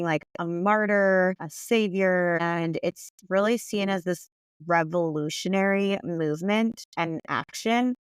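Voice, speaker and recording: A woman's voice: on the low side, clear, resonant tone, dry recording. A woman co-hosting a podcast, explaining things in a casual conversational way. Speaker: podcast co-host.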